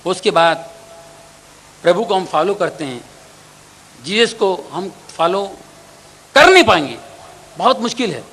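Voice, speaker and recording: A man's voice: sits high, very animated, measured pace, pauses often, fairly bright tone, breathy edge, rough recording. A man preaching a sermon in a conversational, humorous storytelling manner.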